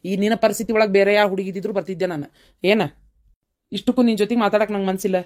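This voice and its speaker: Woman voicing a stern big brother in a cartoon, north karnataka accent, scornful, talks fast. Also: medium pitch, steady tone, a little mellow, natural voice. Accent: North Karnataka Kannada. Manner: scornful, lecturing, curt. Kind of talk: cartoon voice acting.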